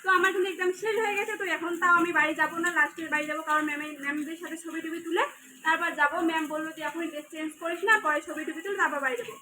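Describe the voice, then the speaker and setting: A woman's voice: extremely high pitch, fairly even intonation, racing, background noise. A young adult woman, chatting casually to viewers in her vlog. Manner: chatty, addresses viewers directly. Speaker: vlogger. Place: outdoors in rain, then dance class.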